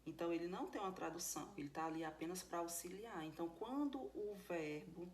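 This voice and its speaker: A woman's voice: fairly low pitch, quick pace, darkish tone, slight background noise. Patient Brazilian woman teaching grammar. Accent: Brazilian Portuguese. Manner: patient, step-by-step explaining, checks in with "tá certo?". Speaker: English teacher. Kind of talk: recorded video lesson.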